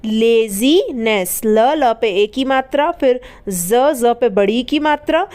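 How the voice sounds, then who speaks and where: A woman's voice: on the high side, expressive, slow pace, darkish tone. A woman teaching English vocabulary. She spells out each word letter by letter, repeats it and asks quiz questions as she explains its meaning. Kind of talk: slow spelling-and-meaning lesson.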